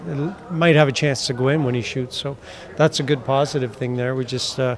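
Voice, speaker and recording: A man's voice: mid-range voice, fairly even intonation, a little fast. A man in his fifties, a hockey head coach giving a postgame press interview in a blunt, plain-spoken way with many fillers, recorded on a handheld mic in front of an indoor press backdrop. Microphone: handheld mic held near the chin.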